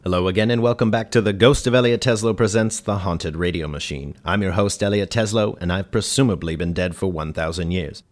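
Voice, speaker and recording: An actor playing a dry, exasperated ghost who hosts a radio show, speaking in a deadpan, wry way. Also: male voice, sits low, fairly quick, hardly any pauses, close to an everyday voice. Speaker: host. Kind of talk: comedy radio sketch.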